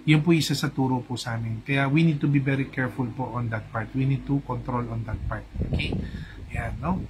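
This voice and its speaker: A man's voice: mid-range voice, a little hiss or hum, rough recording. A man with a Filipino accent, a feng shui coach giving a casual live talk to an audience, chatty and often asking "di ba?". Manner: chatty, mixes in English, asks "di ba?" often.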